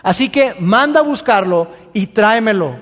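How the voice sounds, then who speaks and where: A man's voice: sits high, expressive, moderate pace. A man voicing a furious, scornful old king who scolds his son, heard with long hall reverb. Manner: shouting insults, scolding.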